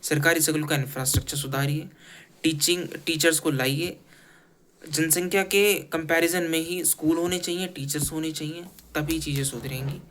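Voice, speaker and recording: A man's voice: fairly high pitch, steady tone, moderate pace, a bit bright. A man from India giving an earnest, critical opinion piece in casual talk, restarting his phrases often. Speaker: commentator.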